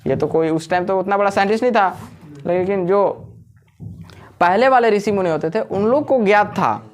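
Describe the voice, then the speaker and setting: A man's voice: high-pitched, moderate pace. A man with a Jharkhand Hindi accent teaching a class in a coaching classroom, chatty and joking, often quizzing his students. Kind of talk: classroom lecture.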